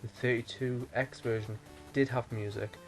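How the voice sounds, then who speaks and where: A man co-hosting a casual podcast chat, explaining at length, thinking out loud and correcting himself. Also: mid-range voice, fairly even intonation, normal speed, faint music behind. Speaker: podcast co-host.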